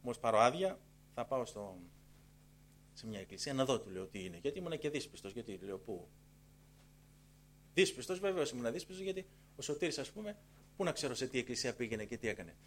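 A middle-aged man gives a spoken church testimony in an animated, storytelling way. He has a voice of middle pitch. He stacks repeated phrases and shifts his tone as he acts out the dialogue. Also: pauses often, slight background noise. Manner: acts out dialogue in changing tones. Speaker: church member giving a testimony. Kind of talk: personal conversion testimony.

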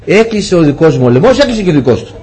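A man preaching a sermon, telling stories and voicing the dialogue with big swings in pitch. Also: big pitch swings, mellow.

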